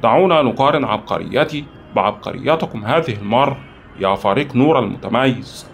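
A man's voice: mid-range voice, animated, brisk, slight background noise, voice pushed up, close to an everyday voice. A man playing a scheming, arrogant male villain in an audio drama, talking in a mocking, boastful tone. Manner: sneering, taunting, boastful.

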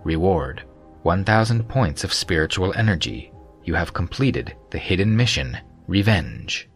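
An impersonal system voice announces rewards and completed missions in a formal, even tone, as a male narrator reads it out. Faint music hums behind. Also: sits low, unhurried, slightly rough, full character voice. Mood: announcing.

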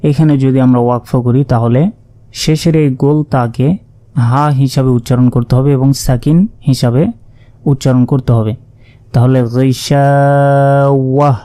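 Man, Quran reading teacher, spells letters and vowel marks, flat even voice, smooth and resonant. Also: mid-range voice. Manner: spells out each letter and vowel mark, then joins them slowly; slow, drawn-out recitation of joined words. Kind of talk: word-by-word Quran reading lesson.

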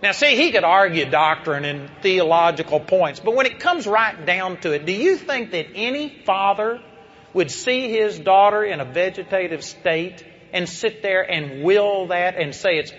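A man's voice: sits high, lively intonation, normal speed, fairly bright tone, breathy edge, muffled recording. A man preaching a sermon to a live audience, telling a story with emphatic, rising delivery. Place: church before a live audience.

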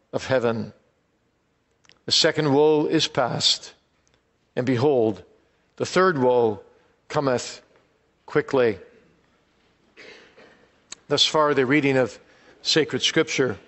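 A man's voice: mid-range voice, takes it slowly, long pauses, fairly bright tone. A middle-aged man preaching a sermon to a congregation, earnest and building emphasis on key phrases. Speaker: pastor. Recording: long hall reverb.

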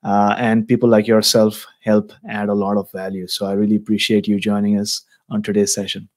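A man in his thirties hosting a podcast interview, speaking in a thoughtful, measured, affirming way into a studio mic in a small room. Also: fairly low pitch, completely flat delivery, a little mellow. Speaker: podcast host. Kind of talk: casual interview. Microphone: studio mic with headphones.

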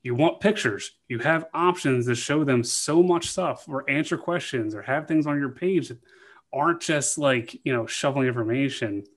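A man in his thirties, with a voice of average pitch, hosts a casual conversation with lively emphasis and quick asides. He speaks close to a studio microphone on a boom arm. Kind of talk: casual video-call interview.

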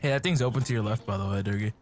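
A man's voice: fairly low pitch, very fast, soft background music. A young man gaming with friends in voice chat, making crude jokes and laughing at them. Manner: giggly, crude, deadpan jokes. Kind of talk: casual gaming banter in voice chat.

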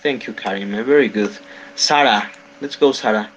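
A man's voice: on the low side, unhurried, low-quality recording. Guy teaching english, patient and encouraging, slight noise behind. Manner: encouraging, corrects pronunciation patiently. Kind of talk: online class teaching.

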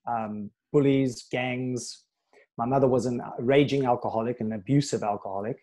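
A middle-aged South African man with a medium-pitched voice tells his life story candidly as a guest on a podcast. He sounds earnest and steady, with pauses and fillers, speaking over a video call through a wired earbud mic in a small room with a plain wall.

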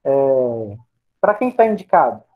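A man's voice: medium pitch, big pitch swings, slow. Brazilian man lecturing over tinny audio. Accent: Brazilian Portuguese. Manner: explanatory, asks and answers his own questions. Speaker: pharmacy lecturer. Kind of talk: recorded lecture over slides.

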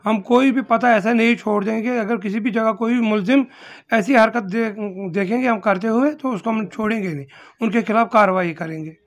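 A man's voice: high-pitched, normal speed. A middle-aged man, a forest official, answering interview questions in his office into a handheld mic, hesitant and defensive with many fillers. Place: indoor office. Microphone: handheld mic held in front.

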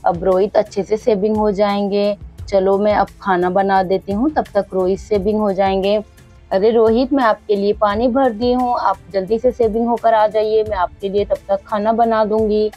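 A woman voicing a caring young wife and mother who speaks briskly and scolds fondly, in a doll story. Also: medium pitch, level tone, dark tone, soft background music, voice pushed down, lightly acted. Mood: calm.

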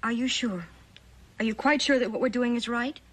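A woman's voice: fairly high pitch, normal speed, fairly bright tone. An actress playing an earnest young woman in a TV western, pleading with her mother. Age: young adult. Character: timid young daughter, pleading and doubtful. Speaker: daughter. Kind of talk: 1960s TV western acting.

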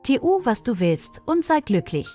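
A woman gives voice to a stern father in a storybook. He talks calmly and firmly, at a middle pitch, with faint music underneath. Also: measured pace. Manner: calm, firm. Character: calm stern older father, firm.

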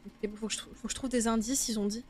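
A young woman with a slightly high voice comments live as she plays a horror game. She talks casually to her viewers, in informal language with some swearing. She speaks into a close microphone in a small room. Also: fairly even intonation, rapid-fire, a little mellow, a little hiss or hum. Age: young adult. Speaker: game streamer. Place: small indoor streaming room. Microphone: close desktop streaming microphone.

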